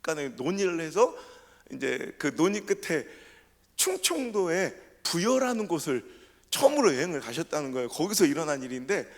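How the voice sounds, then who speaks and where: A man with a slightly high, sing-song voice preaches at a moderate pace in a reverberant church sanctuary. He's a South Korean pastor with a Chungcheong accent, giving a revival sermon in which he tells his testimony with humor and mimics dialects.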